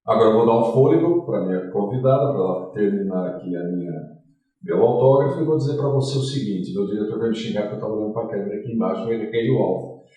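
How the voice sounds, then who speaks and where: A man's voice: fairly low pitch, fast, warm tone, very echoey, distant mic, rough recording. Theatrical, jokey male talk show host. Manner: theatrical, jokey, jumps between topics. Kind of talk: lively studio interview.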